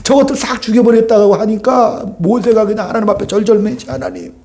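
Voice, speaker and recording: A fairly quick, high-voiced male pastor gives an animated Sunday sermon in a conversational style, regularly prompting the congregation to say amen.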